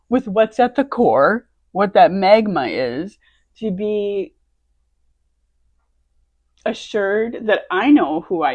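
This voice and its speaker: Slow, reflective woman, dry close sound. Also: medium pitch, no room sound. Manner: reflective, thinks aloud in short phrases. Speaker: co-host. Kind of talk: casual conversation.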